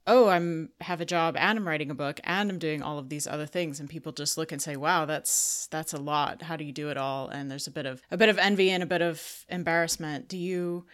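Co-host, woman, low pitch, earnest, long winding questions. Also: a little fast, hardly any pauses, a bit bright. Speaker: podcast co-host. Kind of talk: podcast interview conversation.

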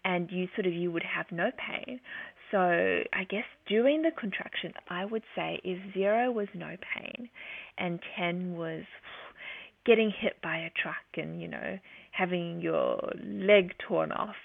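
Woman, gravelly voice, chatty storytelling, laughs a lot, tinny phone-like sound, dry. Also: lowish voice, measured pace, dry recording. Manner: chatty, laughs often, many fillers and restarts. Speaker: guest sharing a birth story. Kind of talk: casual conversational storytelling.

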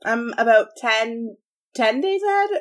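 A woman's voice: a little high, expressive, unhurried. A woman co-hosting a podcast in casual chat, laughing often, her voice tinny and compressed as if recorded in a tin can. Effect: tinny, compressed recording quality, like a tin can. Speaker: podcast co-host.

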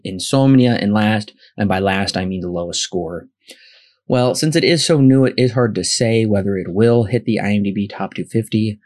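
Male podcast host, slightly low voice, scripted movie-facts narration, methodical delivery of rankings and numbers. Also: darkish tone.

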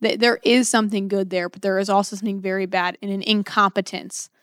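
This woman co-hosts a book discussion series and talks about faith in an earnest, reflective, conversational way, repeating phrases for emphasis. Her mid-range voice is steady and a bit bright, moving at a quick pace, with a dry sound and no echo.

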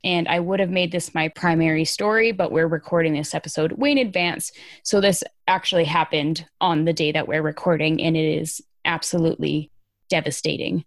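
A woman's voice: deep voice, a little fast, no room sound, clean studio sound. A woman hosting a podcast, talking through news in an informal, emphatic, conversational way. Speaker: podcast host. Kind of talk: casual conversational news commentary.

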